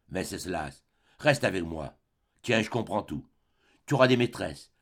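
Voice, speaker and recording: A man's voice: medium pitch, slightly rough. A man reading an audiobook, voicing a jealous, possessive spinster woman in her forties who pleads and reproaches.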